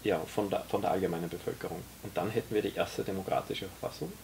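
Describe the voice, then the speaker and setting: A man in his forties, a guest and author, explaining his ideas in a relaxed conversation with many hesitations, recorded in a small café. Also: sits low, fast, gravelly, a little hiss or hum. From Austria. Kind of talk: casual conversation. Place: tea room in a small café.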